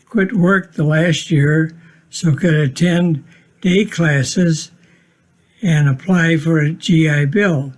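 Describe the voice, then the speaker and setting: Unhurried man in his eighties, fairly high. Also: fairly even intonation. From Minnesota, USA. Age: 80s. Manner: plainspoken, matter-of-fact with dry humor. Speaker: narrator of a family home video. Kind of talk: casual narration over home video.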